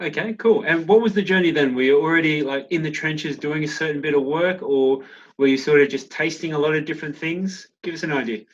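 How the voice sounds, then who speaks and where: A man's voice: on the high side, brisk. A man with an Australian accent hosting a podcast interview in a friendly, chatty way. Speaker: podcast host. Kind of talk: casual interview chat. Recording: dull lo-fi podcast audio.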